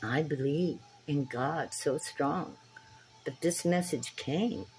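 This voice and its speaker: A woman's voice: sits low, slow, darkish tone, soft background music, poor audio. A woman in her sixties talking earnestly to a phone camera in a small dim room, preaching directly to her viewers. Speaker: spiritual tarot vlogger. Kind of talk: casual talk to camera. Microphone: phone camera at arm's length.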